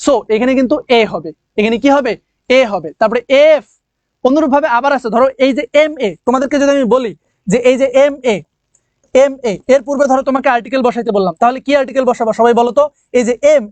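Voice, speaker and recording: An English lesson for admission exams is taught online by a man whose voice is extremely high with a darkish tone. He asks his students things, responds on their behalf, and drags out key words for emphasis. No room sound is present.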